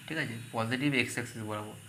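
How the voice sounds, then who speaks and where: A man's voice: mid-range voice, very fast, sharp tone, slight background noise. A man teaching a math lesson, asking questions and answering them himself.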